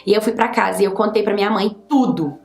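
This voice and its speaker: A woman's voice: medium pitch, quick pace, gravelly, a little mellow. A young woman with a Brazilian accent telling a personal story in a chatty, emphatic way. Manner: chatty, emphatic, many fillers. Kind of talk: casual storytime. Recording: echoey room.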